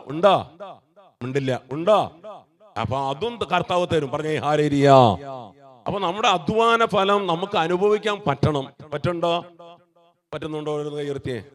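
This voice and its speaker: A preacher in full call-and-response mode, throwing questions to the congregation and pressing them to answer aloud. His voice sits a little high for a man. He repeats key phrases and pushes the crowd to echo them. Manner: exhorts the congregation to repeat after him; asks the crowd questions and prompts replies.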